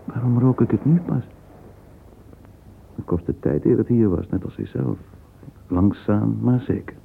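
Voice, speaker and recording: A middle-aged man muses aloud in a deep, slow, gravelly voice, thinking in a halting murmur during a radio drama interior monologue. Sensual and curious, alone with his thoughts, he sounds animated. The old recording is muffled and phone-like, with a faint hiss.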